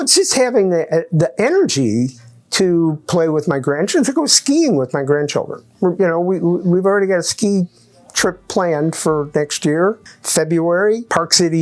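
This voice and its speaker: A man in his eighties, his voice sitting high, gives a testimonial interview as a chiropractic patient. He speaks haltingly, restarts often, and numbers off his points.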